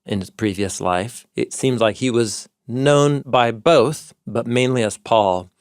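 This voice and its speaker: A man's voice: medium pitch, slow pace, clear, resonant tone, no echo, studio quality. A man co-hosting a podcast, explaining old texts and word meanings with scholarly enthusiasm. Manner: enthusiastic scholarly explaining, citing ancient sources. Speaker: podcast co-host, Bible teacher.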